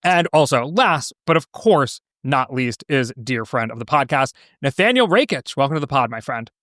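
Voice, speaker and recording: A man's voice: mid-range voice, sing-song, moderate pace, fairly bright tone, dry recording, studio quality. An American man in his thirties hosting a podcast with casual, conversational political commentary. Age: 30s. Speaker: podcast host.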